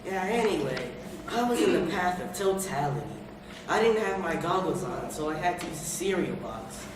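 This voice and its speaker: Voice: mid-range voice, lightly acted. A seventh-grade student playing a dim, starstruck eclipse witness on a parody newscast. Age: young adolescent, about 12 to 13. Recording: noisy, echoey room, distant mic.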